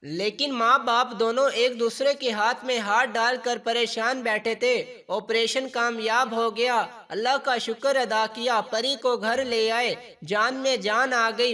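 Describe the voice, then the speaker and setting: A man tells a family story, reading in a plain, steady way. His voice is pitched very high for a man and sounds bright and sharp. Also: measured pace. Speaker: narrator. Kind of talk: storytelling narration.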